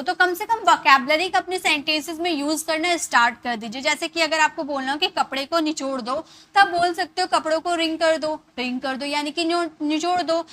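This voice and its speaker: A woman's voice: sits high, sharp tone. A woman teaching English vocabulary in a patient lesson, repeating points and asking rhetorical questions. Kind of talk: explanatory lesson.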